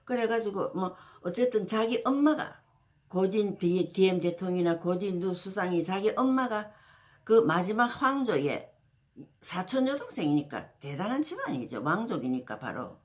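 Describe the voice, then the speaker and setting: A woman with a mid-range, sing-song voice hosts a history channel, telling a story at a moderate pace. She rambles casually, full of fillers and restarts, in an easygoing spoken history talk.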